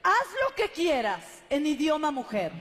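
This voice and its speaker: A woman playing a sarcastic girlfriend in a comedy sketch, scolding her partner in a very high voice. Her tone is cutting and impatient. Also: sing-song, unhurried, fairly bright tone, full character voice. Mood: annoyed.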